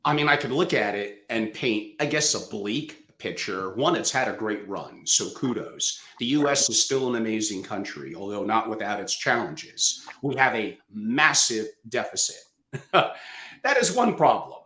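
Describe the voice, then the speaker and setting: A man's voice: on the low side, big pitch swings, unhurried, pushed and bright. A male host asking questions and commenting with wry, opinionated remarks. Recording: echoey room.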